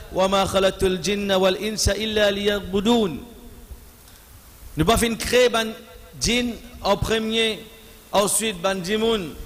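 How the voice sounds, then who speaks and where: High-voiced preacher in an echoing mosque. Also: male voice, a bit bright. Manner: slow, drawn-out emphasis mixing Arabic recitation into French. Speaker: imam giving Friday sermon. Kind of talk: sermon. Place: large mosque hall, standing at pulpit. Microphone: stand microphone. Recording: long hall reverb.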